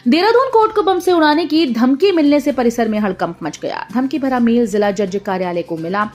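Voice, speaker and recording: A woman with a fairly high voice reads scripted news headlines one after another. Her delivery is steady and formal, like a bulletin. Faint music plays under her voice the whole time. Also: fairly quick. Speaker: news reader.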